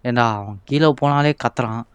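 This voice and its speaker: A man's voice: a little fast, smooth, dry recording. A young man, commenting on a horror game in a playful, exasperated way and voicing the game's characters. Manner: playful, exasperated, switches to shrill panic when scared. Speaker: gameplay commentator.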